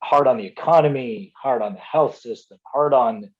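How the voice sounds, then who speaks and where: A man hosts a good-news show, bantering in an upbeat, chatty, enthusiastic way as he introduces and praises a guest. His voice is medium-pitched and husky at a moderate pace, and the audio sounds dull.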